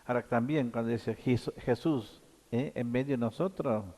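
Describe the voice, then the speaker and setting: A man preaching a halting sermon as priest at Mass, often pausing on short tag questions. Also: medium pitch, mellow, big-room sound. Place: church.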